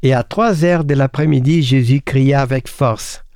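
A man's voice: medium pitch, darkish tone, no echo, studio quality. Earnest man teaching the Bible. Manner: earnest, asks rhetorical questions; halting, with frequent fillers and restarts.

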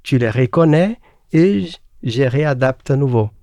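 A man teaching the Bible in a relaxed conversation. He speaks earnestly and asks rhetorical questions, with frequent fillers and restarts. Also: medium pitch, normal speed, no echo.

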